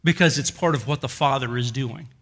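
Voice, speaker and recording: A pastor preaching a sermon in a conversational storytelling way, with light self-mocking humor and slow emphasis on key words. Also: male voice, mid-range voice, a bit bright.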